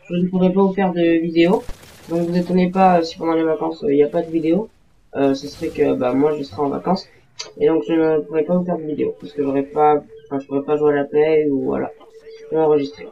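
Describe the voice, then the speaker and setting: A gaming video maker with a warm voice on the high side gives casual voice-over commentary on gameplay. He rambles hesitantly, full of fillers and self-corrections, in a dull lo-fi home recording.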